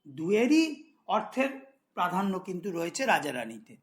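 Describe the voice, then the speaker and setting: A man's voice: high-pitched, sing-song, brisk. A man teaching a grammar lesson to school students, explaining patiently, repeating examples and checking if they follow.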